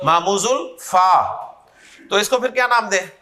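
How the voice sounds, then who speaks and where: Male teacher with a high voice who speaks slowly. He calls on students by name and drills them on terms. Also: pushed and bright. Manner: quizzes students by name, repeats key terms. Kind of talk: classroom grammar lecture.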